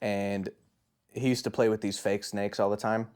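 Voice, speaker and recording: A young man co-hosting a podcast, telling a spooky story in a lively way, laughing and calling his friend bro. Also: on the low side, normal speed, smooth. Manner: animated, laughing, says bro a lot. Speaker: podcast co-host. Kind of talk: casual chat, telling a scary anecdote.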